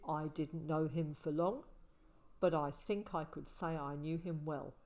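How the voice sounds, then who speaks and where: A woman reading the part of a calm older male ranger, speaking quietly and soberly. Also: low-pitched, measured pace, voice pushed down. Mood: gentle.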